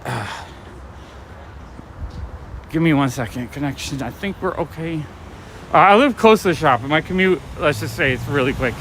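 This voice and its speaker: A fairly high-voiced man tells stories in a loose, chatty way as he walks city streets late at night. Faint traffic and urban hum sit behind his voice, picked up by the phone he carries. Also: animated, normal speed, pauses often, a bit bright. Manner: chatty, storytelling, talking to live chat. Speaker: vlogger and comic shop owner. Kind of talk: casual chat while walking. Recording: light street noise, traffic.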